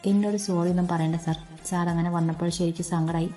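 A woman reading a shy, soft-spoken young woman. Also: on the low side, steady tone, quick pace, faint music behind, lightly acted. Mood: soft, pleading. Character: kind, shy young woman caring for a child.

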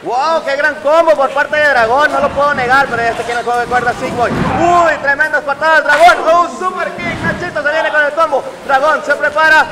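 A man with a Mexican accent doing exclamatory wrestling commentary, repeating words in excitement as he calls moves. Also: very high-pitched, fairly quick, few pauses. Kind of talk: rapid-fire lucha libre commentary. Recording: loud crowd and venue noise.

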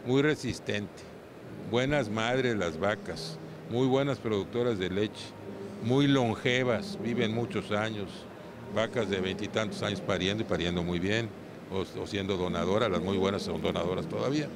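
Older Mexican man, low voice, noisy hall. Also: moderate pace. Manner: tag questions like "¿verdad?" and "¿no?". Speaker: cattle breeder being interviewed. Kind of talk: conversational interview answers. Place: large indoor livestock exhibition hall. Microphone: handheld interview microphone. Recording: noisy livestock show hall.

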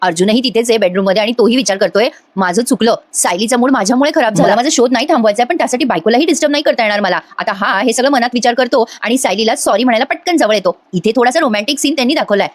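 Woman reviewer, fast and chatty episode recap, slightly high voice, dry close sound. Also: no echo. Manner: chatty, addresses viewers directly, acts out dialogue while retelling. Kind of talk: casual retelling of a TV episode.

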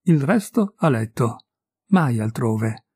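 A man voicing a listless, resigned idler of thirty-three who looks old, speaking in a flat, unhurried way. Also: mid-range voice, slightly rough, no room sound, exaggerated voice.

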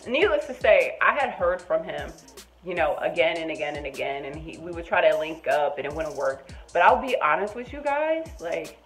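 Animated woman telling a storytime tale. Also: low voice, normal speed, faint music behind. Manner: animated, acts out both sides with voices. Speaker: storytime vlogger. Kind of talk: casual storytelling.

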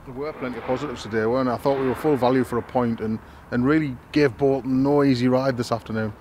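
A man's voice: mid-range voice, fairly even intonation, quick pace, darkish tone, a little hiss or hum. A man interviewing a player after a match outdoors, asking leading questions that back the club.

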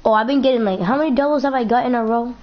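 On a muffled recording, a young gaming YouTuber rattles off rapid-fire, fairly high-pitched chatter over her basketball game. She's playful and casual, frequently saying things more than once.

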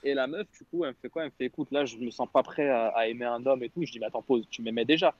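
Young man, fast rambling storyteller, slangy, dry lo-fi sound. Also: mid-range voice, no echo. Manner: rambling, slangy, quotes others. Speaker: radio show guest telling a story. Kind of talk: casual storytelling chat.

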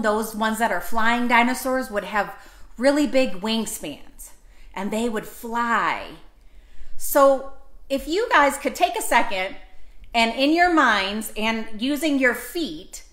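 A woman's voice: fairly high pitch, animated, takes it slowly, fairly bright tone, roomy sound. A woman hosting a children's storytime, reading picture books aloud and coaxing the kids to join in. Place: indoors, seated with books on her lap. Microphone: camera in front of her.

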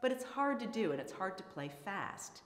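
A woman's voice: mid-range voice, sing-song, moderate pace, very noisy. A woman flutist presenting a lesson, explaining in an enthusiastic, playful way. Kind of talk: educational presentation. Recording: echoey room with long reverb.

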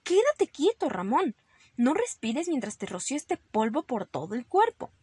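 Woman voicing a strict mother rabbit, breathy, lively pitch, storybook reading. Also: dry recording, full character voice. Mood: scolding. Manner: firm and scolding, quick to alarm. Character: bossy, fussy mother rabbit. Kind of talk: storybook read-aloud.

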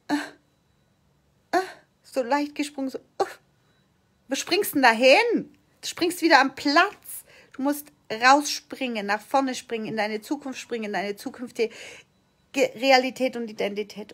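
A woman's voice: fairly high pitch, a bit bright. A woman giving an impassioned motivational monologue as a manifestation coach, hammering repeated phrases and swearing for force.

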